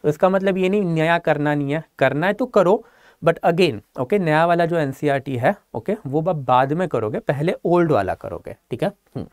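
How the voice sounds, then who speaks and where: Dry-sounding teacher, man, fairly high voice. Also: animated, normal speed, no room sound. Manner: explains step by step, keeps checking understanding. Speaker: exam prep teacher. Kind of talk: online lecture mixing Hindi and English.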